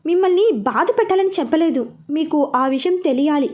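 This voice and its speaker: A woman voicing a confident young woman in a read-aloud story, speaking directly and calmly. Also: high voice, a little fast. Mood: earnest. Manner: direct, composed. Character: confident young woman, famous dance master.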